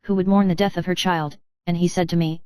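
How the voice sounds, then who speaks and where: A woman narrating a first-person story in a steady, measured reading style. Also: on the low side, clear, resonant tone, no echo.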